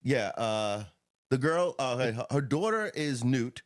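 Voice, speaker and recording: A man's voice: mid-range voice, expressive, takes it slowly. A man co-hosting a podcast, chatting casually and rambling, often calling his friend "bro". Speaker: podcast co-host. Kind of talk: casual chat.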